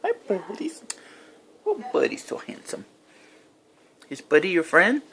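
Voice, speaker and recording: A woman's voice: low voice, wildly swooping pitch, measured pace, creaky, a bit bright, slight background noise. A woman playing with a toddler in a home kitchen, coaxing him with simple questions and animal sounds in a sing-song baby-talk voice.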